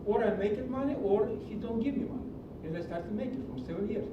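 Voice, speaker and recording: A man's voice: quick pace, dull audio. A middle-aged man, speaking broken English in a passionate, preachy public comment at a county meeting. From Greece. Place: large meeting hall. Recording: echoey hall from far off with low rumble.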